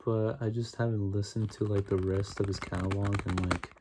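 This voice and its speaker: A young adult man doing a fast, aggressive ASMR ramble in a casual, repetitive, enthusiastic way. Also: fairly low pitch, flat delivery. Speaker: ASMR video creator. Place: small bedroom, indoors. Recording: noisy room, clicking and tapping. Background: tapping and clicking on CD cases.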